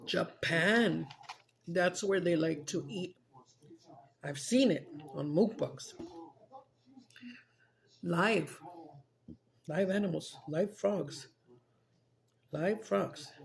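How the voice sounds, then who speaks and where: A woman's voice: fairly low pitch, very slow, vocal fry, pauses often, a little hiss or hum. A middle-aged woman, chatting loosely while eating on camera, swearing and slipping into Spanish. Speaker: mukbang streamer. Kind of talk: casual chat while eating.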